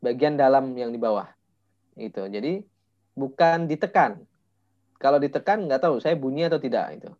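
A male Quran recitation teacher coaching a student one-on-one, patiently demonstrating sounds slowly and filling pauses with "eh". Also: mid-range voice, animated, a little mellow. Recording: dull lo-fi voice message audio.

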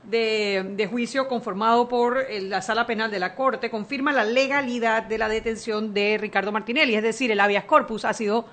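A woman co-hosting a radio show reads the news headlines and jumps in with quick interjections. Her voice is bright and a touch high, with a sharp edge. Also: fairly even intonation. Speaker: radio co-host, news reader. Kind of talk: news reading and casual banter.

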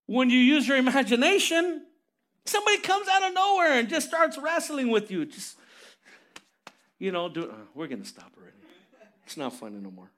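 Pastor guy with a really high bright voice, preaching loose and animated, lots of amens. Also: normal speed, pauses often. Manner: animated storytelling, calls for amens. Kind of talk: lively conversational sermon.

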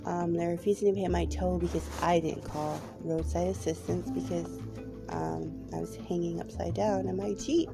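Over music, a woman hosts her own podcast in a personal monologue, talking candidly but with many hesitant ums. Her fairly low voice is animated and at normal speed, though a cold leaves it a little off.

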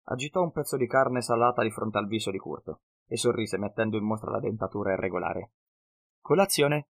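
A male audiobook narrator with a lowish voice reads a fantasy tale. His delivery is steady and measured, scripted storytelling with an even flow.

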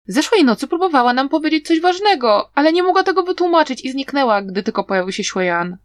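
A woman reading an audiobook, voicing a clever, playful young man who talks in a teasing, lively way. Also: high voice, fast, dry recording, studio quality, voice pushed up.

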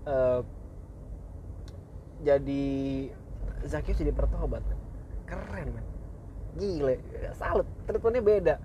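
A man's voice: fairly high pitch, slow pace, pauses often, dull audio, noisy background. A young man giving a casual, slangy faith talk, laid back and full of fillers and chuckles.

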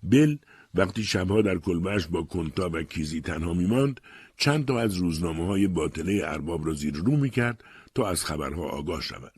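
A man narrating a novel as an audiobook reader in measured storytelling. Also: deep voice, animated, a little mellow, slightly rough, dry recording, studio quality. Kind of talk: scripted narration.

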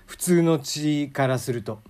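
A man's voice: fairly high pitch, measured pace, darkish tone. A man hosting his own casual talk show, chatty and rambling, often stopping to correct himself. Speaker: podcast host. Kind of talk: casual solo radio talk.

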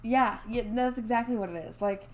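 A woman's voice: fairly high pitch, steady tone, brisk. A woman co-hosting a podcast, telling a true story in casual chat with many fillers and restarts. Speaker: podcast co-host.

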